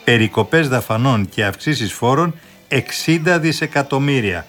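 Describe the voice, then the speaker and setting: A man's voice: mid-range voice, animated, fairly bright tone, faint music behind. A man co-hosting a morning radio show, explaining economic news in a casual, insistent way. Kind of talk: casual radio talk on current affairs.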